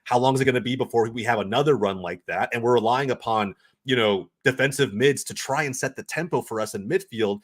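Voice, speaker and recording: A man talks football at a quick clip in relaxed podcast chat. He has a mid-range voice and thinks aloud in fast bursts. He keeps checking in with "right?" as he builds his point. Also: mid-range voice. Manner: fast, animated analysis with restarts and "right?" tags. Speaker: guest pundit on a football podcast.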